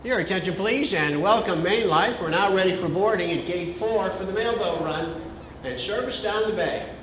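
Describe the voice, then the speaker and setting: A man making a formal boarding announcement over a ferry terminal loudspeaker. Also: sits high, moderate pace, a little hiss or hum. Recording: echoey public address from far off with music.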